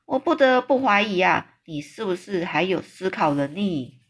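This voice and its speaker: A woman playing an excitable big friendly giant. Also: fairly low pitch, husky. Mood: excited. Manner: exclaiming, drawn-out slow emphatic phrasing.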